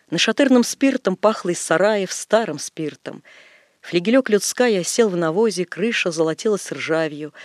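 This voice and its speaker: Man, audiobook narrator, literary prose, halting emotional phrasing, high voice, dry close sound. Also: dry recording.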